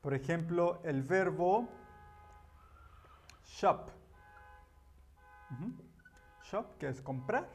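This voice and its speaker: A man's voice: on the high side, lively intonation, extremely slow, long pauses, faint music behind. A man teaching a grammar lesson at a board, patient and repetitive, with frequent affirming fillers. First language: Spanish. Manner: patient, repeats key words, many "ujú" and "ajá" fillers. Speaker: English teacher.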